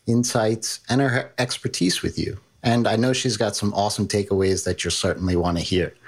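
Casting: New York-accented podcast host, upbeat, promotional ad reads. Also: male voice, lowish voice. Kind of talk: podcast ad read and interview.

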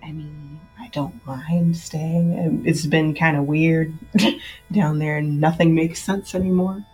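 A woman's voice: low-pitched, steady tone, slow, dark tone, slightly rough, soft background music. A woman playing a tabletop game, giggling and mocking herself. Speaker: player. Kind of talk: casual tabletop play.

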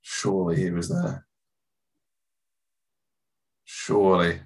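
A man's voice: low-pitched, level tone, slow, breathy edge. A man hosting a casual podcast, chatty and self-deprecating, laughing often. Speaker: podcast host.

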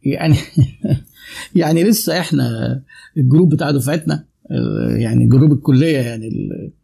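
A man's voice: medium pitch, fairly quick, vocal fry, warm tone, slightly rough. A man in his fifties with an Egyptian Arabic accent, a sales trainer lecturing on sales communication who asks his audience rhetorical questions and answers them himself.

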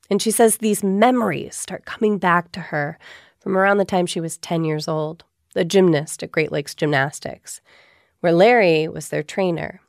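Woman host doing scripted narration, kinda gravelly and low, soft guitar underneath. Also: dry recording, clean studio sound. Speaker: podcast host.

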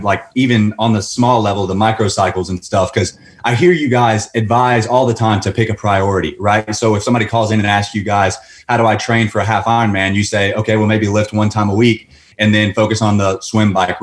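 A man's voice: lowish voice, steady tone, brisk. A man from North Carolina calling in to a show, laying out his background in an eager, casual way before asking a long question. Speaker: caller to a call-in fitness show. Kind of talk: call-in question, casual and detailed.

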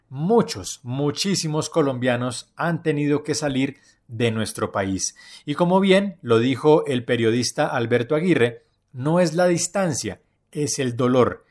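A man hosting and narrating a documentary segment in a measured, explanatory way. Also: mid-range voice, a little mellow. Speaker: program host and narrator.

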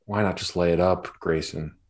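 A man's voice: deep voice, fairly even intonation, moderate pace, a little mellow. A man co-hosting a basketball podcast in casual chat, with teasing, wry banter. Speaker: podcast co-host.

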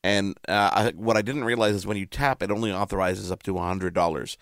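A man's voice: lowish voice, steady tone, brisk, a bit bright, no echo, clean studio sound. A man hosting a radio show in casual chat, chatty and playful, often interrupting himself.

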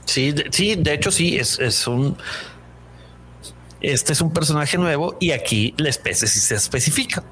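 A man's voice: fairly high pitch, expressive, normal speed, fairly bright tone, a little hiss or hum. A man co-hosting a comics podcast, adding short comments and asides in casual chat.

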